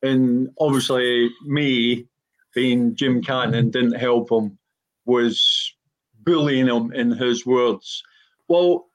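In a rough recording, an older former footballer from Glasgow, Scotland, reminisces bluntly about his life as a guest on a podcast panel talk. He has a mid-range voice and a broad Glaswegian Scottish accent.

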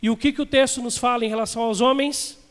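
A man's voice: extremely high pitch, fairly even intonation, fast talker. A man preaching a sermon as a pastor, chatting with his congregation and asking them questions. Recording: long hall reverb.

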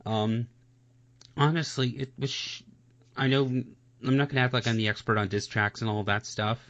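A man's voice: medium pitch, steady tone, moderate pace, fairly bright tone. A man in a casual reaction chat, talking bluntly and swearing, often repeating "seriously" and "honestly.". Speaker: music reaction co-host. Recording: dull lo-fi sound.

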